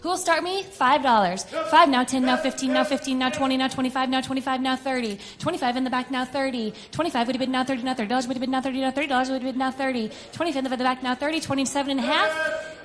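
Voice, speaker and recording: Fast-chanting, higher-pitched female auctioneer. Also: steady tone, a bit bright, a little hiss or hum. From Kansas City, United States. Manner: rhythmic, repetitive bid calling. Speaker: auctioneer, contest competitor.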